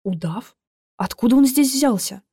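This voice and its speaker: A woman narrating a first-person audiobook in a lively, expressive way. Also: fairly high pitch, moderate pace, slightly rough, dry recording, studio quality.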